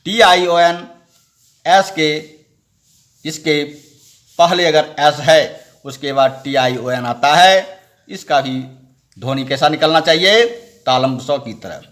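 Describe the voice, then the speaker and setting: A man teaching English pronunciation rules, spelling out letters slowly and asking and answering his own questions. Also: a little high, a bit bright. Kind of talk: classroom-style lesson explaining rules.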